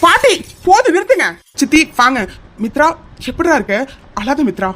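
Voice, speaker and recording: A woman's voice: high voice, lively intonation, quick pace, pushed and bright, slight background noise, pitched below the performer's own voice. A woman voicing an angry young man in a cartoon serial, firmly rebuking his elders. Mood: indignant. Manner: firm, rebuking.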